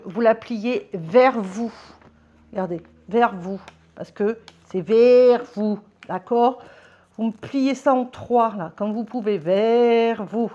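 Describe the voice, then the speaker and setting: A woman with a somewhat high voice talks viewers through a homemade ritual in a casual how-to style. She keeps asking whether they are following and drifts between formal and familiar address. The recording is muffled and lo-fi. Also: a little mellow. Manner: chatty, keeps checking in with "ok?" and "d'accord?". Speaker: vlogger teaching a ritual. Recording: dull lo-fi home recording.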